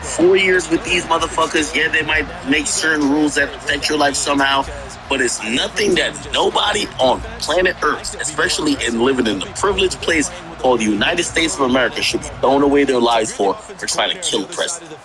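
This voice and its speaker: A Jamaican man who streams goes on a casual political rant, blunt and profane, often stammering and restarting his sentences. His voice is fairly high, and the audio quality is poor.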